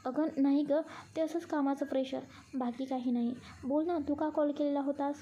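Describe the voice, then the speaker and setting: A sensitive, easily shaken young woman from a romance storybook, read by a woman. She scolds and teases by turns, her voice high and soft-edged with a faint hiss behind it. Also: fairly even intonation, moderate pace, lightly acted. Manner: reproachful, teasing with her friend.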